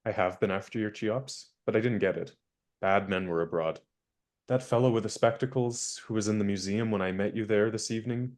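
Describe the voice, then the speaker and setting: In lightly acted radio-play fashion, a man portrays a polite, gallant young gentleman with a touch of gentle wryness. His mid-range voice leans toward the low side, and he delivers each turn in a measured, courteous way.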